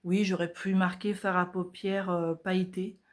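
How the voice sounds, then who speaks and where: A woman's voice: fairly low pitch, little pitch movement, moderate pace. A woman vlogger talking casually through her art journal pages at home, chatty and hesitant, with many fillers.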